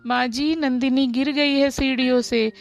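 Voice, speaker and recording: A woman's voice: sits high, steady tone, measured pace, creaky, faint music behind. A woman voicing a strict, worried mother in a spoken story, scolding and fussing. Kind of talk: storybook voice acting.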